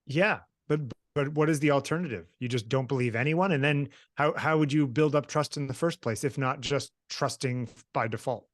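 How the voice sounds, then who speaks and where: A man talking as a guest in a conversation, relaxed and matter-of-fact, pushing back on the questions. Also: medium pitch, normal speed, few pauses, no room sound, studio quality. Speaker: guest photographer. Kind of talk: conversational discussion.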